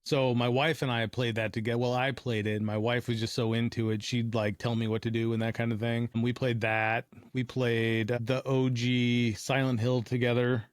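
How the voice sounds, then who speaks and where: A man co-hosting a casual podcast, offhand and easygoing in how he talks. His voice sits at an ordinary pitch, recorded close and dry. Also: flat delivery, normal speed, hardly any pauses, no room sound. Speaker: podcast co-host. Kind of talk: casual chat.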